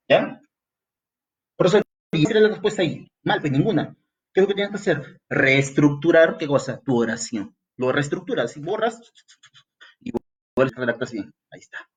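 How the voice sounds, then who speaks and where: Poor audio captures a mid-range male voice with a Peruvian Spanish accent delivering exam-prep grammar instruction for entrance exams. He talks directly to the student in a lively way, sometimes playing out the student's questions.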